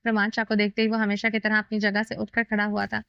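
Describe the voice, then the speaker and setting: A woman reading a romantic novel aloud as narrator, with a steady, even storytelling delivery. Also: mid-range voice, fast talker, creaky, clear, resonant tone, no echo. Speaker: audiobook narrator. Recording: dull lo-fi dry recording.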